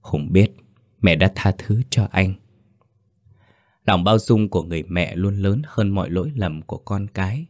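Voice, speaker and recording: A man narrating a written story in a slow, solemn way. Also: sits low, no room sound, clean studio sound. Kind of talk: scripted ghost-story narration.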